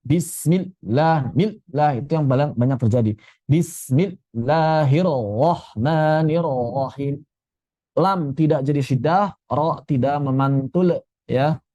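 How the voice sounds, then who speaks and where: A man teaching tajwid, explaining quickly and then reciting example words slowly and carefully. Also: medium pitch, warm tone, no echo, lo-fi sound. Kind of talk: Quran recitation lesson.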